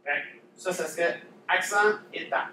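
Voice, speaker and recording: A man's voice: high voice, measured pace. A man with a Quebec French accent teaching a drumline technique workshop in a casual, demonstrative way, repeating key points. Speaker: drumline instructor. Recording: echoey room, mic far off, noisy.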